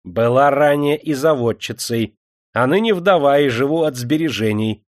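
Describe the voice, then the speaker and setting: A man's voice: mid-range voice, unhurried, a bit bright, no room sound, studio quality, close to an everyday voice. A man voicing a proud, spiteful noble widow who answers with venom. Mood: haughty. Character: haughty, spiteful noble widow, middle-aged.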